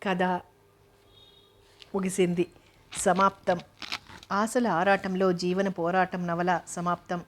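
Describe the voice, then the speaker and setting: A woman narrating a novel in a steady, measured reading. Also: fairly low pitch, a little hiss or hum. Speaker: audiobook narrator. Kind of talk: scripted narration.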